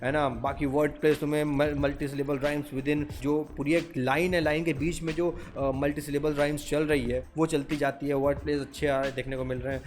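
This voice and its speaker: A man's voice: on the high side, flat delivery, moderate pace, few pauses, faint music behind. A young Indian man hosting a reaction video, talking casually to viewers and switching between Hindi and English. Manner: chatty, mixes Hindi and English, keeps saying "bhai" and "theek hai". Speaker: reaction channel host.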